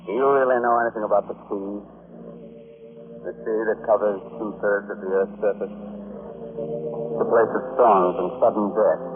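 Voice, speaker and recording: A sly, mocking horror host, as a man voices him, speaking in a low, smooth, drawn-out tone. He sounds thin and boxy, like a tinny old radio broadcast with music beneath. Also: steady tone, noisy background, close to an everyday voice. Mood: ominous. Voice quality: smooth, mocking, lingering delivery. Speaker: host of a radio mystery show. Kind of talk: 1940s radio acting.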